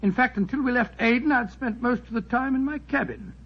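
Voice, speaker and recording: An actor playing a genial, fussy elderly English doctor who spins yarns in a 1940s radio drama style. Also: male voice, very high voice, expressive, fairly quick, heavily acted. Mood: reminiscing. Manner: avuncular, hemming, slightly grumbling. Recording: muffled 1940s radio broadcast, music behind.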